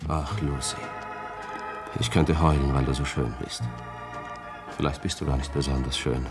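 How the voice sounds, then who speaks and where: An actor playing a haunted husband in a radio play, erratic and commanding, swinging between harsh orders and tenderness. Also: male voice, rumbling low, steady tone, moderate pace, music in the background. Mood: tender. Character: haunted husband, Bill, who says he is drunk.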